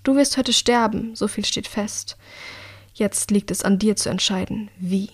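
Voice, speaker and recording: Picture a composed young woman who threatens without ever raising her voice, as a female narrator voices her. Her words stay quiet, measured and icily polite, as in a dark audiobook. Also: medium pitch, husky. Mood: quietly menacing. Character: calm, coldly menacing young woman assassin.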